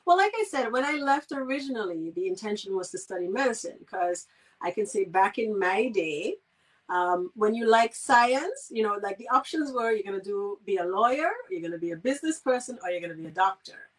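A woman's voice: medium pitch, expressive, a little fast. A middle-aged woman from Saint Kitts with a Kittitian accent, answering interview questions conversationally as a guest. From Saint Kitts, Caribbean. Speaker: guest, physical therapist. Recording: distant from the microphone.

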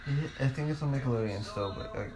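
A man's voice: mid-range voice, quick pace, poor audio. A young man joking around in a laid-back, casual chat with a friend.

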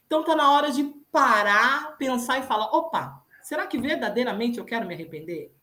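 A woman with a Brazilian Portuguese accent and a slightly high voice reflects informally on faith. She is earnest and repeats words for emphasis, and the room echoes clearly around her. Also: lively intonation, brisk, bright, forceful tone. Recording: roomy, echoing sound.

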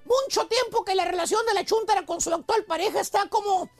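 A man voicing a cheeky male advice "maestro" in a comic radio segment, with a Mexican accent and rapid, mocking slang. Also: extremely high pitch. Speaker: radio comedy host.

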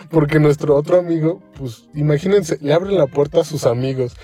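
A man's voice: a little high, normal speed, husky, faint music behind. A young man with a Mexican Spanish accent, telling a story in a casual podcast chat, acting out the quotes in it with lots of slang. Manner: animated, acts out quotes, heavy slang.

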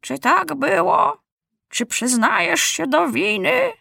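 Brief: woman playing a stern old general judge, raised pitch, storybook, dry. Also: sing-song, slow, gravelly, sharp tone, no room sound, full character voice. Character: old grey-haired male judge general.

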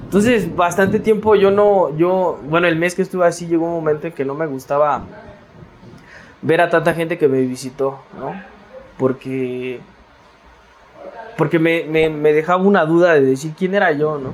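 A man's voice: a little high, moderate pace, a little hiss or hum. A Mexican man talking casually as an interview guest, slangy, with many restarts and tag questions. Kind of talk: casual reflective interview talk.

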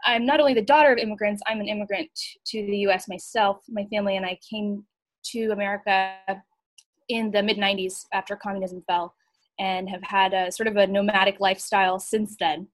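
Speaking brisk and steady in a mid-range voice, a woman from Bulgaria who works as a writer and coach appears as a podcast guest. The casual interview has her sounding thoughtful and hesitant, using lots of fillers, with no echo on the recording.

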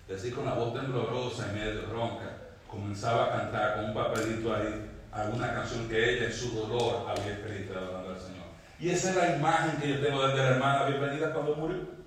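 Male pastor, fervent sermon delivery with repetitions; distant mic, echoey church with faint background hum. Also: mid-range voice.

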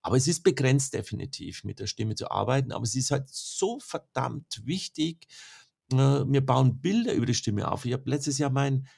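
Gravelly with a breathy edge, this man's medium-pitched voice moves at normal speed as he, a speaker coach, gives lively interview answers. He keeps tagging his explanations with a questioning "ne?".

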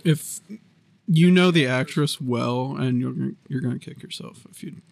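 A man's voice: mid-range voice, measured pace, creaky, a little mellow, no room sound. A man co-hosting a podcast, teasing his friend with swearing and laughter while reading horror trivia. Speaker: podcast co-host. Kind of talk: casual podcast banter, trivia game.

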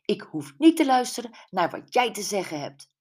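A woman voicing an upset, bitter woman who rages about her ex-husband in a shrill, agitated voice. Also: slow, vocal fry, exaggerated voice. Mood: upset, indignant.

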